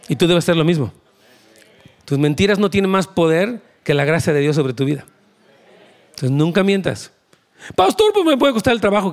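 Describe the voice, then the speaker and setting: A man, preaching a conversational, emphatic sermon as pastor, with asides to the congregation. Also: on the high side.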